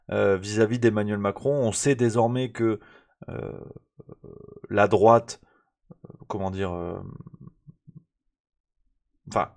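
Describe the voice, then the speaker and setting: A man's voice: on the low side, vocal fry. A man hosting a live press review on a stream, rambling and sarcastic, full of hesitations, talking straight to his chat. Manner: talks straight to the chat audience. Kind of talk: casual livestream press review.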